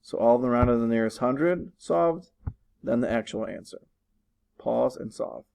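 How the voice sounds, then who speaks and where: A man's voice: mid-range voice, normal speed, creaky, a little mellow, poor audio. A man teaching his students from his living room, walking them through test questions patiently and repeating instructions. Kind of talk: recorded online lesson walkthrough.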